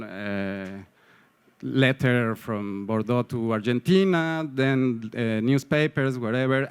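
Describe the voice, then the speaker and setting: Male panelist; slow, crystal-clear voice, hesitant delivery. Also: medium pitch. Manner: halting, many fillers and restarts, tag "no?". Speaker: artist panelist. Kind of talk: panel talk presenting a project.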